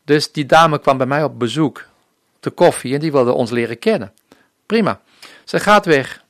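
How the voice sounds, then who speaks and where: A man's voice: on the high side, expressive, moderate pace, fairly bright tone, no room sound, studio quality. A man from the Netherlands, a missionary, telling his personal faith testimony in an interview. He speaks earnestly and often acts out remembered dialogue. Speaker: missionary guest.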